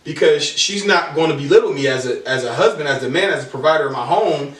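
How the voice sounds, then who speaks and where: A man's voice: on the high side, expressive, fast talker, a bit bright. Earnest man talking in an echoey room. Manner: earnest, repeats himself a lot. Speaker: podcast guest. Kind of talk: casual chat. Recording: echoey room, mic at a distance.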